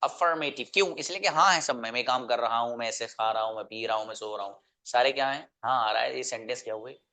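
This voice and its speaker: A man's voice: mid-range voice, fast, sharp tone. Man, English teacher, online classroom lesson, patient, repeats and quizzes students. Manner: repetitive, patient explaining with questions.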